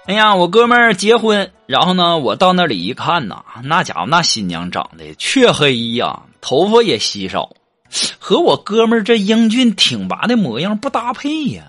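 Lively man telling jokes. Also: sits high, moderate pace, faint music behind. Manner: animated, swings between quiet asides and loud punchlines. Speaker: host of a joke show. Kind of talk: comedic joke storytelling.

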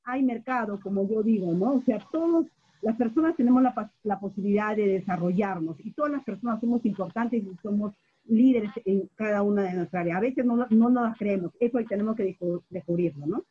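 A woman's voice: medium pitch, a little fast, husky, dull audio. A woman from Peru with a Peruvian accent, talking conversationally, repeating phrases and often seeking agreement with tag questions. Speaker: journalist. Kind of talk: casual conversational interview.

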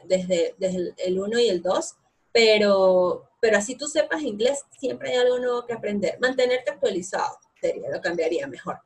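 Husky young woman, chatty. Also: mid-range voice. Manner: chatty, animated, many fillers. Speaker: guest, English course co-founder. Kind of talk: casual interview answers.

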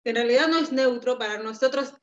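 A woman's voice: on the high side, fast, dull audio. A young Peruvian woman with a Peruvian Spanish accent, chatting as an interview guest, hesitant with many fillers and restarts. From Peru. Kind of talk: casual interview chat. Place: at home.

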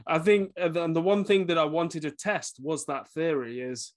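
A man's voice: fairly high pitch, steady tone, normal speed. A man hosting a podcast, talking in an easygoing, reflective way and using fillers such as "uh" and "um" in a conversational interview. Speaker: podcast host.

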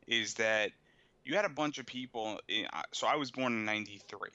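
A man in his twenties chatting casually, telling long stories in a relaxed, talkative way. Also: on the low side, fairly quick, no room sound, dull audio. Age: 20s. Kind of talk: casual chat.

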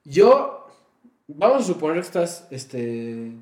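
A man's voice: on the high side, sing-song, slow pace, darkish tone. A man with a Mexican Spanish accent co-hosting a podcast, joking crudely and wandering into playful tangents. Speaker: podcast co-host. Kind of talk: casual chat. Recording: echoey room.

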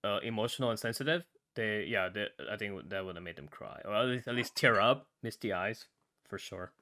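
A man in casual podcast chat, retelling a story in a relaxed way full of fillers and tag questions. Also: fairly low pitch, a little fast. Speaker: podcast co-host.

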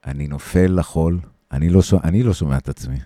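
A man reading a short story aloud on a podcast, with shifting intensity and a raised voice for the shouted lines. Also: rumbling low, dry recording, clean studio sound.

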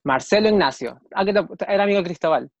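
A man's voice: high-pitched, quick pace. A young man with a Chilean accent tells a story among friends in casual chat, acting out the voices of the people in it. The sound is dull and lo-fi, and the room is dead and dry, with no echo. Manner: animated storyteller, acts out quoted voices.

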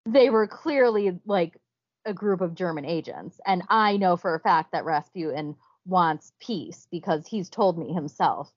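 A woman's voice: fairly low pitch, no room sound, highs cut off. A woman co-hosting a podcast in casual chat, reacting with laughs and filling her talk with "like". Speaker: podcast co-host.

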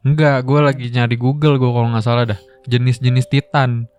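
A man chatting casually as a podcast co-host, relaxed and swearing now and then. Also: mid-range voice, a little fast, smooth. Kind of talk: casual chat.

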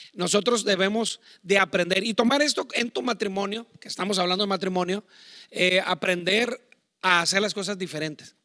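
A middle-aged Mexican man preaching in a high, bright voice. He talks loud and chatty, wandering into asides, and the sound is dry and close. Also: dry recording. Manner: loud, self-admittedly talks shouting. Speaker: pastor. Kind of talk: sermon on marriage to online viewers.

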